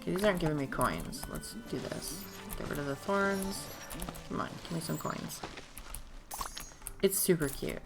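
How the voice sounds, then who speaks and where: Female streamer, low and raspy from a fading voice, casual self-interrupting chatter over game music. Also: big pitch swings, normal speed, pauses often. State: hoarse, losing her voice. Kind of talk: casual live gameplay commentary.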